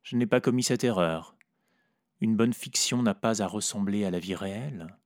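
A man narrating a literary story in a measured, reflective way. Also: lowish voice, dry recording, studio quality.

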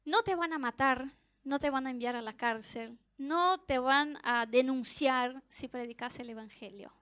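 High-voiced preacher woman. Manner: earnest, building to excited storytelling. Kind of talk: testimony sermon to a congregation.

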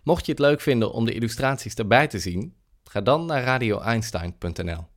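A male radio presenter announcing clearly and matter-of-factly. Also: medium pitch, expressive, a little fast.

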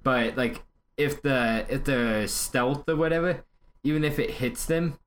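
A man's voice: mid-range voice, measured pace. A man hosting a casual gaming podcast with playful, joking banter. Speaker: podcast host.

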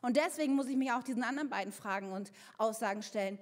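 Woman pastor preaching, earnest and emphatic, high voice, big echoey church hall. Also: quick pace. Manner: earnest, emphatic preaching with rising and falling intensity. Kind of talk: sermon. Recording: long reverb of a large hall.

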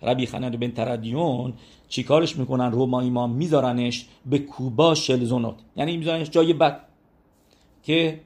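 Male religious teacher, mid pitch, casual storytelling Talmud lesson that keeps repeating "he says". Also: a little mellow.

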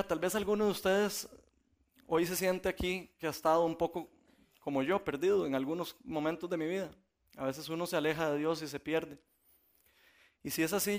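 A man preaching a sermon, telling stories in a relaxed, conversational way and often laughing. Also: on the high side.

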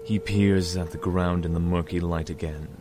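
A man's voice: deep voice, steady tone, normal speed. A man narrating a dramatic scripted story. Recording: music score behind.

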